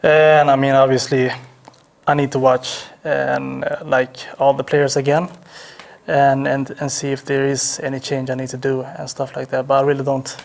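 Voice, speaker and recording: A man's voice: medium pitch, monotone, gravelly. A man speaking as a team captain in a post-match interview, talking hesitantly with many fillers and restarts. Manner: hesitant, halting, heavy on fillers.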